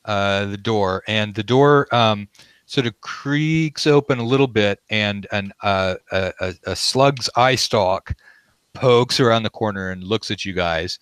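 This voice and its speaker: A man with a lowish voice narrates a tabletop game as its game master. He feels his way through descriptions, halting to find the word, in a close, dry recording. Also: fairly bright tone, smooth, dry recording. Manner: halting, searching for words.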